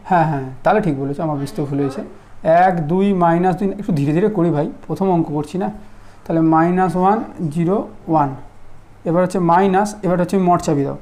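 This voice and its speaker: A man teaching a math lesson in a relaxed classroom style, often asking whether students follow. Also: fairly high pitch, a little fast. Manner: conversational, checks understanding often.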